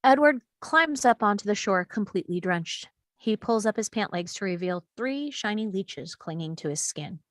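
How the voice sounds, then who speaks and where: A woman reads stage directions aloud at a steady pace, with a middle-pitched voice. The sound is dry and close. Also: normal speed, dry recording. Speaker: narrator reading stage directions. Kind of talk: table read narration.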